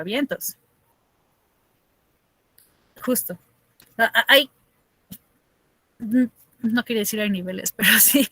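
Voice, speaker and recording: A woman's voice: medium pitch, fairly bright tone, dry recording. A woman from Mexico City with a chilango accent, teaching an online class in a chatty way, asking her students questions and laughing often.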